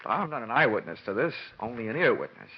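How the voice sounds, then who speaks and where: A fast talker with a sing-song, slightly rough mid-range voice voices a jaded insurance investigator in an old radio detective show. The recording is muffled, with music, and his hard-boiled narration is dry, slangy and self-assured.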